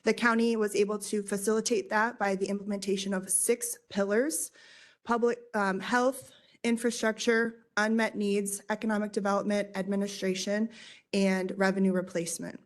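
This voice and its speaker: A woman's voice: mid-range voice, little pitch movement, normal speed. Woman, level delivery, formal presenter, speaking in front of an audience, public meeting. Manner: formal, addressing a room. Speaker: consultant presenter. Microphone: meeting microphone.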